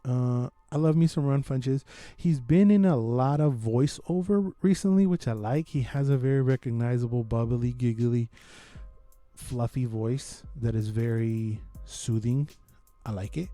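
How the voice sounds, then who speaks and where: A man's voice: mid-range voice, a little slow, warm tone, no room sound, soft background music. A man hosting a podcast, chatting casually in slangy, informal language as he gives his reviews. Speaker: podcast host. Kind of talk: casual chat, reviewing games and comedy specials.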